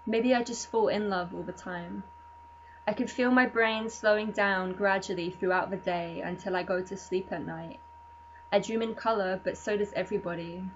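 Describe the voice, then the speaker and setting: A woman performing her own spoken word poetry in a measured, deadpan delivery. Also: mid-range voice. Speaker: poet. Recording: muffled lo-fi recording with faint hum.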